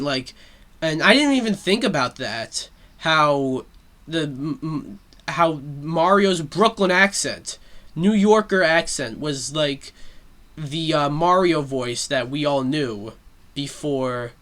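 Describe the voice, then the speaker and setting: A man's voice: fairly high pitch, bright, forceful tone. A man hosting a solo show, giving casual pop-culture commentary in a rambling way, with lots of fillers and frequent swearing. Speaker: solo talk show host.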